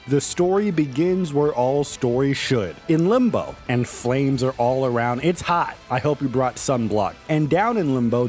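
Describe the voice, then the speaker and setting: A man's voice: mid-range voice, darkish tone. A man hosting a game lore channel, retelling the story in a casual, jokey way with self-mocking asides.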